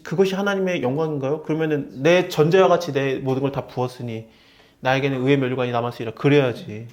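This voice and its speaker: A man's voice: mid-range voice, fast. A middle-aged man leading an informal Bible study, acting out quoted lines and laughing often. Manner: animated, acts out quoted dialogue, laughs often.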